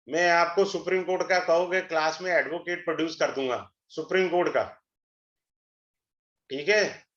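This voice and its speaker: A middle-aged man giving an astrology webinar, a persuasive, salesy pitch that mixes Hindi and English. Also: bright, forceful tone. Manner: switches between Hindi and English. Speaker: astrology teacher. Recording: echoey room, dull lo-fi sound.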